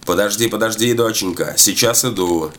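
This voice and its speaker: A man voicing an unseen forest spirit who answers in a slow, drawn-out, soothing way. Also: on the low side, a bit bright, a little hiss or hum, lightly acted. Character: distant teasing forest spirit voice.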